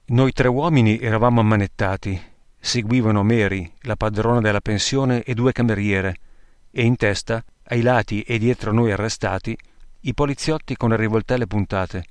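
A man reading a wartime memoir aloud in a measured, grave manner. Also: fairly low pitch, clear, resonant tone, no echo. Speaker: narrator.

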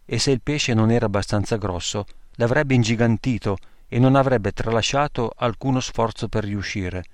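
A man reading a wartime memoir aloud in a measured, grave manner. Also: mid-range voice, no echo, studio quality. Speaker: narrator.

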